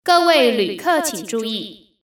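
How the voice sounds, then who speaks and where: A woman teacher reading flight notices as a female airport announcer, in a formal, measured way, as if over an airport intercom. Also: on the high side, big pitch swings. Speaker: Chinese teacher. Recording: roomy, distant-miked echo.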